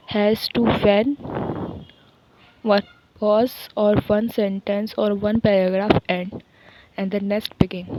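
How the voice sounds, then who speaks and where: Indian-accented woman teacher, native Hindi, mid-pitched, reads English notes slowly then explains in Hindi, faint hiss behind. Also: darkish tone, poor audio. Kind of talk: exam-prep lecture explaining notes.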